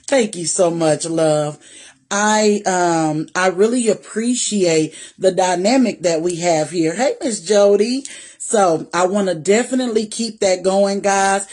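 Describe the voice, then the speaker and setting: A woman, chatting on a live stream and greeting viewers by name. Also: medium pitch. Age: 40s. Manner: warm, greets viewers by name, Southern "y'all" talk. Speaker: vlogger hosting a live stream. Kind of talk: casual live-stream chat.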